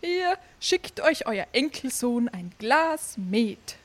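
A woman voicing a rich, hot-tempered male innkeeper who talks in an excitable, pleading way. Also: on the high side, slow, voice pushed up, heavily acted. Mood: friendly.

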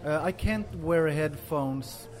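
A guest artist in his forties, born in Finland and raised in Sweden, chats casually in an interview, using lots of fillers. His voice sits a little high and sounds slightly mellow, and he speaks at a slow pace while soft music plays in the background.

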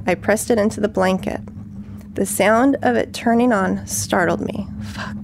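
Slow, gravelly-voiced shaken woman. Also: medium pitch, noisy background. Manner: halting, shaken, hushed. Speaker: eyewitness interviewee. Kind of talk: reading a personal journal aloud, then interview. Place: her home TV room. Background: music.

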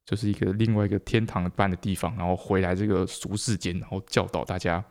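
A man's voice: deep voice, steady tone, fast talker, darkish tone. A man casually chatting as a podcast co-host, retelling a book in a playful, teasing way. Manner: playful storytelling, jokey teasing. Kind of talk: casual chat.

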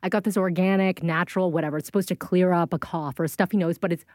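A woman in her thirties co-hosting a podcast, telling stories in a lively casual chat. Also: lowish voice, fast talker, no echo, studio quality. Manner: animated storyteller, acts out voices. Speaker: podcast co-host.

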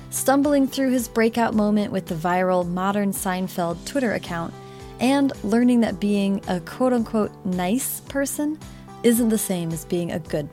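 A woman's voice: medium pitch, darkish tone. A woman hosting a podcast, reading an upbeat intro and asking interview questions with friendly interjections. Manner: upbeat, friendly, laughs along. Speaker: podcast host.

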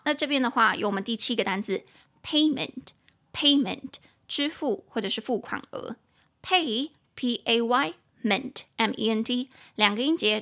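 Chatty woman teaching English, slightly high voice. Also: fairly bright tone. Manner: spells words letter by letter and translates phrase by phrase; chatty and joking, laughs easily. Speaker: English teacher and podcast host. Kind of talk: casual podcast lesson.

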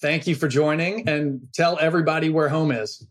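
A man's voice: fairly high pitch, steady tone, moderate pace. A man hosting a podcast interview, friendly and conversational. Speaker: podcast host.

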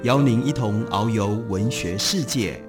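Low male radio announcer over loud music. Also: a little slow. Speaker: programme intro announcer. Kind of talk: scripted radio programme intro.

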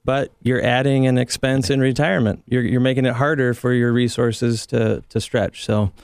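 A man's voice: mid-range voice, little pitch movement, normal speed, vocal fry, a little mellow, clean tone, no echo. A man, a regular financial planner on a radio show, explaining things thoughtfully with frequent restarts and dry humor.

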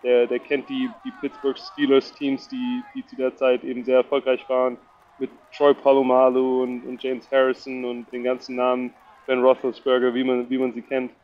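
Young football player from germany in an interview, flat voice, lots of ums and restarts, kinda dull audio. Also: male voice, mid-range voice, normal speed. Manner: hesitant, many fillers and repeated words. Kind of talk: interview answers.

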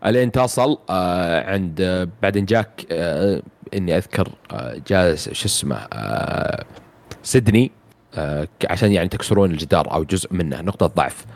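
A man's voice: low voice, expressive, a little fast. A man recapping a video game plot in casual chat, rambling with many fillers and restarts.

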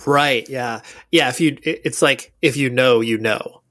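A man's voice: mid-range voice, a little slow, fairly bright tone, dry recording, clean studio sound. A man from California hosting a podcast, asking long, articulate questions in casual conversation. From California, USA. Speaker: podcast host. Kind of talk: casual interview chat.

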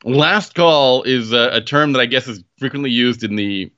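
A man's voice: mid-range voice, moderate pace, bright, forceful tone, clear, resonant tone, highs cut off. A man co-hosting a podcast, chatting casually and asking questions while searching for words. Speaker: podcast co-host.

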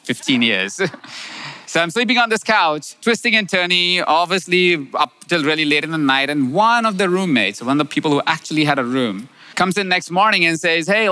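A man from India in his thirties, a business coach telling a personal story with lively acted-out dialogue and frequent laughter. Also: on the high side. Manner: animated storyteller, acts out quoted dialogue, laughs often. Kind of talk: storytelling in a podcast talk.

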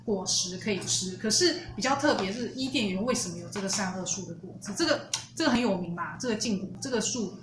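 A woman's voice: mid-range voice, lively intonation, fast, hardly any pauses. A woman co-hosting a podcast, asking questions and chiming in. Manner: asks questions, chimes in briefly. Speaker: podcast co-host. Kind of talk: casual chat. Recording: roomy recording with clear hum.

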